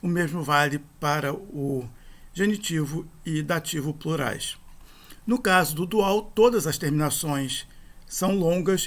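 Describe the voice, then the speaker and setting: A man, teaching a grammar lesson and spelling out endings and rules step by step. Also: fairly high pitch.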